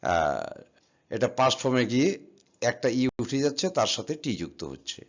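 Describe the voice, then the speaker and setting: Patient male teacher, lively pitch. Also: normal speed. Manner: patient, spells words letter by letter, asks and answers his own questions. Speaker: English grammar teacher. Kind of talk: classroom lesson explaining verb forms. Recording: slightly dull, lo-fi sound.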